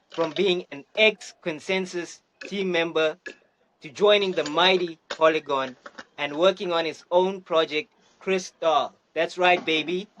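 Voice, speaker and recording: A man's voice: on the high side, a bit bright, slight background noise, low-quality recording. A man hosting a podcast, introducing his guest with playful hype and asking questions. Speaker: podcast host. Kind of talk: energetic podcast interview.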